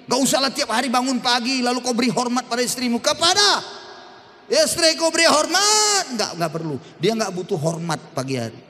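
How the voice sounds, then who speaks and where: A middle-aged man preaching a lively, humorous sermon in a church, drawing call-and-response from the congregation. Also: extremely high pitch, brisk. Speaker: pastor. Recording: long church-hall reverb.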